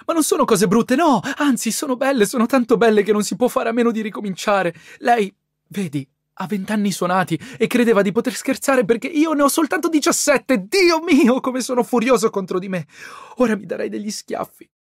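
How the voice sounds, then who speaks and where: A man's voice: high voice, big pitch swings, brisk, no room sound, studio quality, pitched above the performer's own voice. A man reading an audiobook and voicing a dramatic seventeen-year-old boy who pleads and weeps over his troubles. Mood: tearful. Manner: pleading, tearful, theatrical outbursts.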